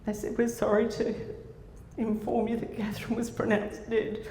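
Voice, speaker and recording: At a conference hall, an Australian woman in her sixties tells listeners a personal story, including fillers and restarts. Her voice is fairly high and a little mellow, with little pitch movement and a moderate pace. She speaks into a handheld mic, and the recording is echoey with faint noise.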